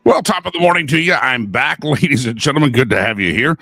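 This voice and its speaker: A man hosts a casual political talk show, chatting in a folksy way full of asides while stuffy and a bit sore from a head cold. He talks fast at a medium pitch into a studio microphone.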